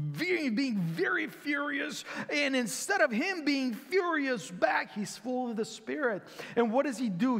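A male pastor preaching a sermon, animated and acting out quotes with sudden loud exclamations, recorded in a church sanctuary. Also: extremely high pitch. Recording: church hall reverb.

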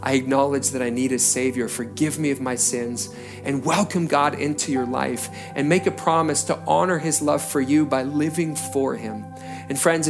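A middle-aged man, a pastor, closing an online sermon in an earnest, pastoral way and leading a short prayer. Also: fairly high pitch.

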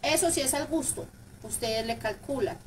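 A woman whose voice sits high talks at a moderate pace as she demonstrates a dish casually in her home kitchen. A chatty home cook and video host with a Paisa Colombian accent, she frequently repeats words for emphasis. The recording picks up kitchen clatter from a distant mic.

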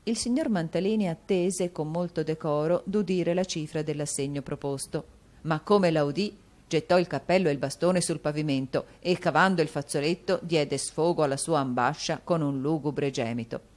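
A woman reading a novel aloud as an audiobook narrator, steady and measured. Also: low voice. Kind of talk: scripted narration.

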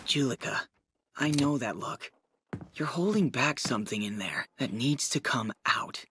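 A man voicing a sincere, soft-spoken, laid-back teenage musician boy in a cartoon. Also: on the high side, very animated, normal speed, background noise. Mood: relieved, gentle. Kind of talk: animated cartoon dub acting. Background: background music with guitar.

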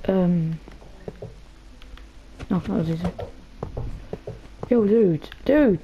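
This young woman's voice is low and dark, and she speaks extremely slowly, with slight background noise around her. As host of a gaming video, she offers chatty, nervous commentary to viewers and an in-game character. A dull lo-fi mic records her alongside faint game music.

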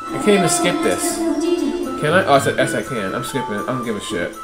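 A man's voice: medium pitch, sing-song, fairly quick. Profane, swinging man ranting over game music. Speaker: let's-play gamer. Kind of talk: casual gameplay commentary. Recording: roomy echo with game music.

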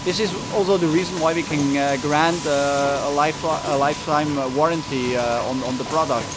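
A Swiss-accented man in his forties answers interview questions in a measured, halting way. His voice is slightly high. He is recorded in a large factory hall with loud machine noise behind him. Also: fairly even intonation. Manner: measured, with many uh fillers. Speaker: company executive interviewed.

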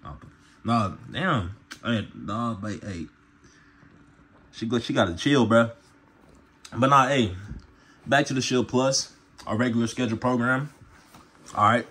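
A man with a husky, mid-pitched voice shows off gear to the camera. He talks in a casual, slangy, laid-back way, addressing viewers like friends as a channel host would. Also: a bit bright. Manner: slangy, laid-back, peppered with "bro" and "y'all". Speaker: gun channel vlogger.

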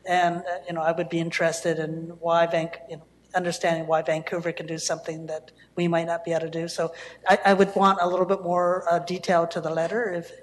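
A woman city councillor asking a question in a meeting, hesitant with many fillers and restarts. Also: lowish voice. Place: council chamber. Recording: long reverb, faint room noise, council chamber.

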